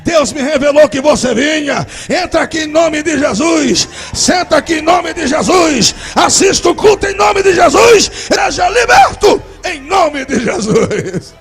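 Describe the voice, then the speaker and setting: A man with a Brazilian Portuguese accent playing a fervent, small male church deacon who shouts slow, drawn-out pleas in a sermon story. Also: very high-pitched, animated, soft background music, pitched above the performer's own voice, heavily acted.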